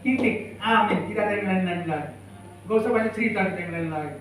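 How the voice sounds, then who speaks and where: Pastor guy preaching loud and emphatic, big echoey church, sounds far from the mic. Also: sits high, fast talker, a little hiss or hum. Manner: emphatic, calls out to the congregation for replies. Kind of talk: sermon. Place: church sanctuary.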